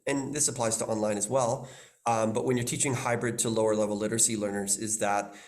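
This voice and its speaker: A man with a lowish voice speaks thoughtfully in a webinar, often repeating words as he finds his phrasing. He sounds like an instructor sharing advice with colleagues. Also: steady tone, quick pace, a little mellow. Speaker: language instructor. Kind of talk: webinar presentation.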